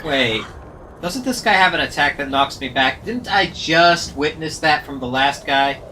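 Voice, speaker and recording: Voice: medium pitch, lively intonation, measured pace, bright, forceful tone, a little hiss or hum. A streamer giving wry, self-mocking running commentary while playing a game live. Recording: game music playing underneath. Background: game music and sound effects.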